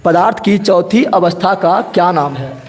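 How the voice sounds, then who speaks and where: A man's voice: high voice, expressive. Brief: man, quiz teacher who drags out each question. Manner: drawn-out slow question reading, frequent "ठीक है ना?". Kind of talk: live group discussion quiz class.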